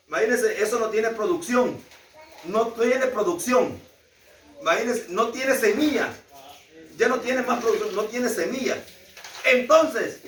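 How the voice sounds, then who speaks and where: A very high-pitched, fairly bright male voice, with slight background noise, belongs to a Salvadoran Spanish-accented man teaching a class about the Bible. He repeats key words with emphasis and quizzes the class, sounding distant in an echoey room.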